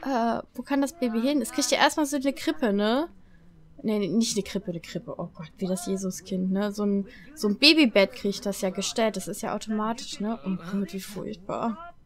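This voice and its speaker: A young German woman giving chatty, excitable commentary on a life-simulation game, full of nervous exclamations. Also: mid-range voice, normal speed. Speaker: let's play host. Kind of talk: casual gameplay commentary.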